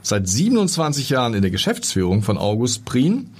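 Podcast host, male, slightly husky, friendly interviewer in a studio. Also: medium pitch, huge pitch swings, a little fast, darkish tone. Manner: friendly, conversational questioning. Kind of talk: casual interview.

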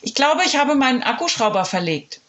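A woman voicing a gruff but kindly male school caretaker who talks in a dry, matter-of-fact way. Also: sits high, sing-song, a little fast, a bit bright, pitched above the performer's own voice.

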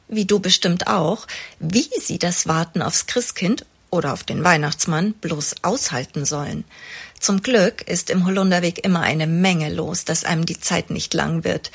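Husky-voiced woman, expressive storybook reader. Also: lowish voice. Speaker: children's author reading her story. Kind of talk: storybook read-aloud.

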